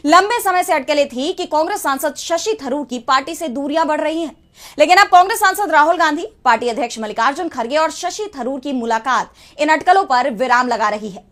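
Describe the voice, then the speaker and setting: A woman's voice: sits high, expressive, a little fast, fairly bright tone. A woman anchoring a news bulletin, reading scripted links that lead into reports.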